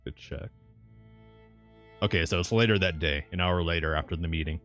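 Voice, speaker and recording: A man's voice: low voice, normal speed, fairly bright tone. A man streaming casually, reading a novel aloud and rambling off into wry asides of his own. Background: background music.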